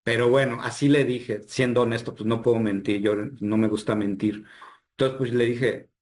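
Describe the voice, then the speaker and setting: A man's voice: mid-range voice, fairly even intonation, normal speed, darkish tone. Earnest Mexican man recounting a vision. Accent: Mexican Spanish. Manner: earnest, re-enacts dialogue in his telling. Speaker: healer and spiritual guide, guest. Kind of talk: storytelling interview.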